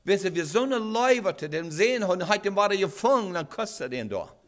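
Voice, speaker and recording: Animated preacher. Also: male voice, high voice. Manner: halting, with many restarts and rhetorical questions. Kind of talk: sermon.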